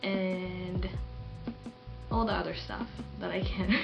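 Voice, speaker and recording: Slow-talking Japanese-accented woman. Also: fairly low pitch, steady tone, vocal fry, highs cut off, music in the background. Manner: slow, careful, friendly, laughs often. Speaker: podcast co-host, visitor services coordinator. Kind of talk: casual chat.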